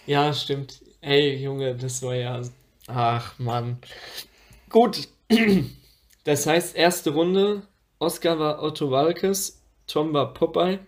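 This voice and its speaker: A young man playing a guessing game, excitable and slangy, exclaiming a lot. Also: fairly high pitch, drawn-out words. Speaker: guessing player. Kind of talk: casual chat.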